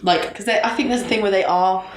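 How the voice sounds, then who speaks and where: A woman's voice: mid-range voice, fast talker. A young woman with a British accent chatting casually as a co-host, in a loose, informal way. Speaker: podcast co-host. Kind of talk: casual chat. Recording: roomy echo, faint background noise.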